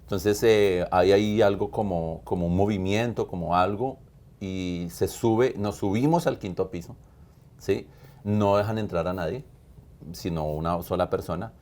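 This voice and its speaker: A man's voice: low voice, a little slow, a little mellow. A man, a pastor, telling his personal faith testimony in conversation, earnest and emphatic, repeating key phrases.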